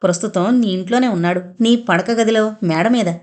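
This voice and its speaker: A woman voicing a sly old sorceress in an audio novel, with a thin, shrill voice and a sarcastic, mocking manner. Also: brisk, a little mellow, lightly acted.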